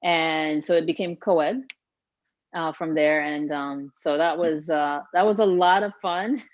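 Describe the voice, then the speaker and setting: A woman's voice: low voice, fairly even intonation, a little slow, dry recording, lo-fi sound. Woman host, fitness coach, casual chat, dry close sound, many ums and laughs. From Haiti. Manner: chatty, laughs often, many fillers. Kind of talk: casual live-stream interview.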